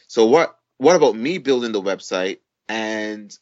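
A man from Barbados in his forties, a podcast guest, explaining things in a measured way with step-by-step examples. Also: on the low side, animated, a little mellow. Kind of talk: conversational interview. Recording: dull lo-fi audio.

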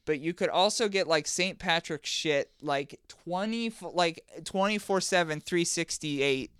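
A man with a fairly high, exceptionally clean, smooth voice. He banters casually like a podcast co-host, profane and joking, in a dry recording with no room sound. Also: measured pace, a bit bright, dry recording. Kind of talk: casual banter, riffing on classified ads.

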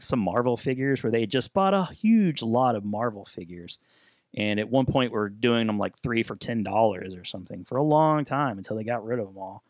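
A man with a medium-pitched voice co-hosts a casual, reminiscing podcast. He chuckles as he talks, and the sound is dry and close. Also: no room sound. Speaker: podcast co-host.

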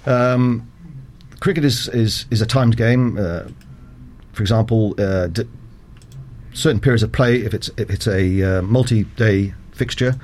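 A man working as a cricket umpire, explaining rules in a measured, formal way as an interview guest. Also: fairly low pitch, darkish tone, slight background noise. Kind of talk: conversational interview.

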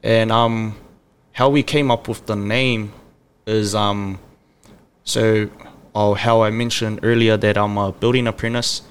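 A man's voice: lowish voice, fairly even intonation, unhurried, clear, resonant tone. A man in his twenties from Samoa, a podcast guest chatting in a laid-back, easygoing way. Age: 20s. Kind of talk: casual chat.

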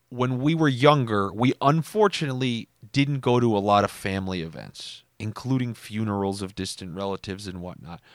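A man talks through his weekly podcast in a casual, wry monologue. He drops sarcastic asides and leaps up in pitch to make a point. The sound is dry with no room echo. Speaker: podcast host.

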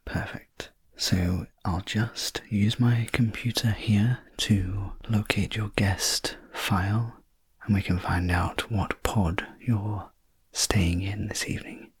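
A man gives a very breathy, whispered role-play in the style of a sleep story narrator, playing a calm, reassuring spacecraft sleep technician. He speaks slowly and gently in an exaggerated voice, low and close, soothing and attentive. The space is dry, with no echo.

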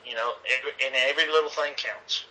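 A man's voice: mid-range voice, fast, sharp tone, low-quality recording. A man being interviewed as a racing league organizer, talking in an earnest, folksy way and rallying listeners. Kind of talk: casual interview chat.

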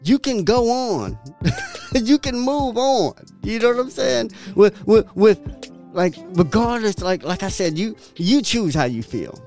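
Animated man preaching with swears. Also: high-pitched, a little slow, faint music behind. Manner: profane, emphatic, repetitive preaching; animated, laughs often. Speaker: podcast host. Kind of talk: motivational podcast monologue.

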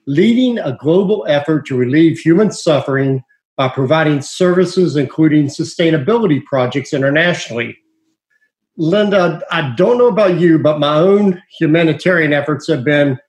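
A man's voice: fairly high pitch, echoey room. A man with a West Virginia Appalachian accent hosting an interview podcast. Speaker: podcast host.

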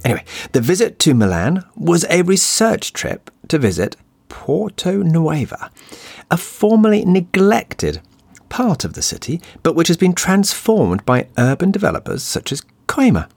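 A man narrates a podcast from a script in a croaky, hoarse voice. His pitch swings widely as he reads, breaking up with huskiness. The sound is dry and close, with faint music. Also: huge pitch swings, a little slow, a little mellow, no echo. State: hoarse from shouting. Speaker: podcast host.

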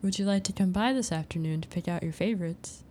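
Woman voicing a gentle young farmer man. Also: fairly low pitch, fast talker, slight background noise, close to an everyday voice. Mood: cheerful.

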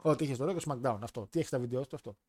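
A man hosting a casual wrestling podcast, leading the questions and swearing freely in relaxed chat. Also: mid-range voice, no echo. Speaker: podcast host.

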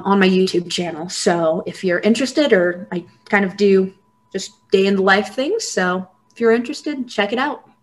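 A young woman speaking as a guest in a casual interview, open and earnest as she talks. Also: medium pitch. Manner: open, earnest, laughs easily.

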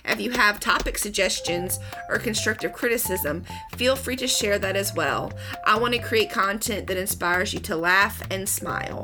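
A woman hosting a podcast, talking casually as she explains things. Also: mid-range voice. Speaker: podcast host.

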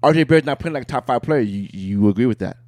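A man's voice: mid-range voice, lively intonation, quick pace, a little mellow, no room sound. Insistent man debating sports, dry sound. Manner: insistent, repeats his point. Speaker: podcast co-host.

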